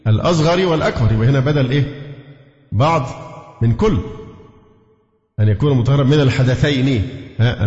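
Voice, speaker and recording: A man's voice: medium pitch, darkish tone. A man with an Egyptian accent teaching a religious lesson. He explains step by step, asks the class questions and demonstrates recitations. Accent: Egyptian Arabic. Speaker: Islamic scholar teaching. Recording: echoey lo-fi hall recording.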